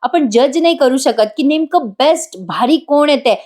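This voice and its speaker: A woman recapping a TV serial episode in a voice-over review, chatty and excited, laughing often. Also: sits high, normal speed.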